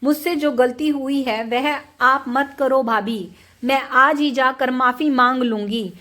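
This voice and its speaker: A woman's voice: sits high, takes it slowly, fairly bright tone. A woman voicing a remorseful young married daughter who pleads in a storybook reading. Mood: pleading.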